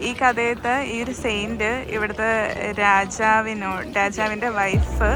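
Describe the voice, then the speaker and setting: A woman's voice: mid-range voice, little pitch movement, takes it slowly. A woman with a Malayali accent giving casual, explanatory travel vlog narration, mixing English words into her Malayalam. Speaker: travel vlogger. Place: outdoors in a city at night. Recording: loud music, vehicle noise behind.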